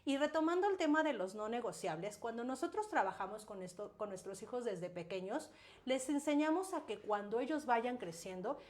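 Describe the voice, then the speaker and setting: Animated woman, higher voice. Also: normal speed. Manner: animated, acts out scolding parents and children in quoted voices. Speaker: parenting specialist guest. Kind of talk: casual conversational interview.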